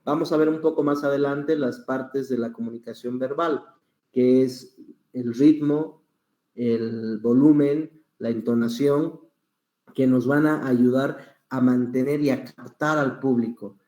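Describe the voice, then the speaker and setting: A man, a public speaking instructor teaching an online class, patient and explaining with examples while deliberately varying pace and volume. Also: medium pitch, fairly even intonation, a little mellow, reverberant.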